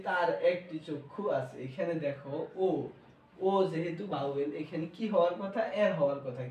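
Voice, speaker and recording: A man's voice: a little high, a little mellow, muffled recording, slight background noise. A male English grammar teacher with a Bangladeshi accent, giving a classroom lesson and asking questions he then answers himself. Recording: echoey room, voice from far off.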